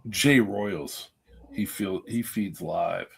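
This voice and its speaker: A man's voice: fairly low pitch, extremely slow, creaky, a little hiss or hum. A man in his forties in casual podcast chat over a video call, enthusiastic and talkative. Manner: animated, enthusiastic about snake genetics.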